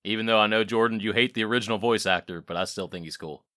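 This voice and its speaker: A man with a lowish, bright, forceful voice cracks jokes and laughs easily. He co-hosts a casual gaming podcast. The recording is dry and close. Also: dry recording. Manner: joking, quick to laugh. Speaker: podcast co-host.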